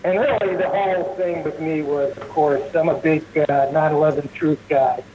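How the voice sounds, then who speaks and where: A man from New Jersey calls in to a talk show on a speakerphone that keeps breaking up, and he speaks haltingly with many fillers. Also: fairly high pitch, fairly even intonation, mellow. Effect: speakerphone call that breaks up. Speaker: caller. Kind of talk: phone-in call to a talk show. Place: rural home. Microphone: phone on speakerphone. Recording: tinny noisy speakerphone line.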